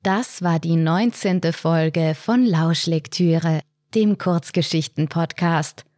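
Low-voiced woman reading a story. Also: slow pace, a little mellow, no room sound, studio quality. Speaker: podcast host and author. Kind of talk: scripted storytelling narration.

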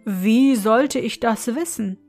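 A fearless young male student, as a woman reads him, answers calmly and briskly. His voice stays near the reader's own, a bit high. Faint music plays behind the fairy tale. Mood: cool. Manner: calm, quick and cheeky.

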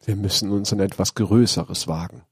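A man reading aloud as a sly male trickster ghost who talks calmly and sweetly. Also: lowish voice, normal speed, breathy edge, dry recording, studio quality. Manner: calm, sugary-sweet.

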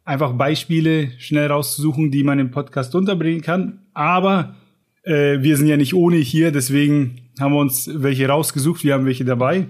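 A man's voice: fairly high pitch, fairly even intonation, normal speed, darkish tone. A man co-hosting a podcast on writing, chatting casually and enthusiastically, then reading a book passage aloud. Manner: enthusiastic, colloquial, with fillers. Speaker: podcast co-host.

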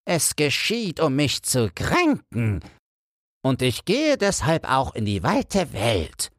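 A man's voice: mid-range voice, wildly swooping pitch, slow, no echo, studio quality, voice pushed up. A man voicing a pompous, easily offended little male dung beetle in a storybook reading. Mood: indignant.

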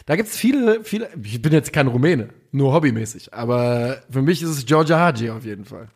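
Ein Mann, der als Co-Host locker und begeistert über Fußball plaudert, mit lässigem Slang. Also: male voice, medium pitch, animated, brisk, darkish tone, breathy edge. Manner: enthusiastic, slangy, self-deprecating. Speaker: podcast co-host. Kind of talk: casual football chat.

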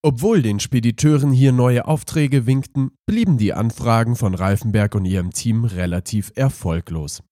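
Male podcast narrator, congested with a cold, mellow tone, scripted magazine report, very dry close sound. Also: medium pitch, normal speed, hardly any pauses, dry recording. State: has a cold. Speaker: podcast host.

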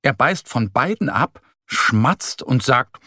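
Man, children's storyteller, slow, very expressive, husky, dry sound. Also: mid-range voice, dry recording.

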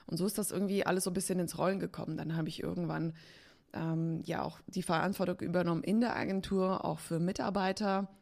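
Talking fast with vocal fry, this woman has a fairly low, darkish voice and fairly even intonation. She's an agency co-founder from Poland and eastern Germany, appearing as a podcast guest in a relaxed chat where she speaks candidly, uses many fillers, and laughs a lot.

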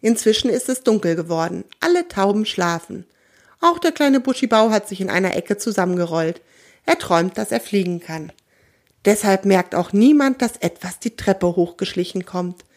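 A woman reading a children's story aloud in a gentle, lively storytelling manner. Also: mid-range voice, normal speed.

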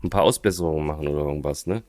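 A man who owns a tiling business, chatting casually on a podcast, talking in a halting way with many restarts. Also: very deep voice, darkish tone, dry recording. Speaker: guest, tiling business owner.

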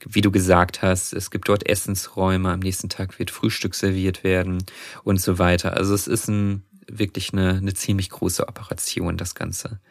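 A podcast co-host tells a story in a chatty, casual conversation, often restarting his sentences. His low voice has vocal fry, a flat delivery, and a moderate pace. The recording is dry and clean, with studio sound.

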